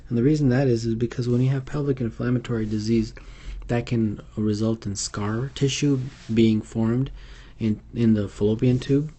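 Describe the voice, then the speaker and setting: A man's voice: mid-range voice, steady tone, moderate pace, few pauses, mellow. A man giving an unscripted medical exam tutorial over slides, hesitant and full of fillers and restarts. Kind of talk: unscripted instructional lecture.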